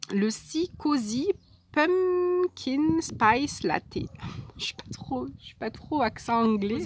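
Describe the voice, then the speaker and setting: A woman vlogger chatting casually as she unboxes a parcel, soft and hesitant, with many fillers. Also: a little high.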